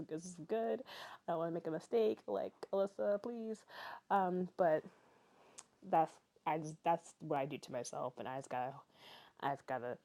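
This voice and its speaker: With a lowish, warm voice, a tired vlogger in her twenties rambles through casual voice-over narration. She's a native English speaker, chatty and full of fillers and soft little laughs.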